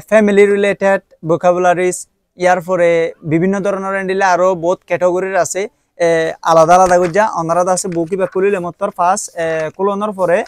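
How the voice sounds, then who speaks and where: A man's voice: high-pitched, no echo, clean studio sound. A young man with a Rohingya accent, casually reviewing and promoting books, explaining step by step with frequent hesitations. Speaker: book reviewer. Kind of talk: casual spoken product review.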